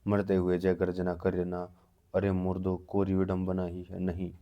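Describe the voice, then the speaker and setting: A man's voice: sits low, monotone, moderate pace, dull audio. A man reading as a scornful old woman. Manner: contemptuous, taunting.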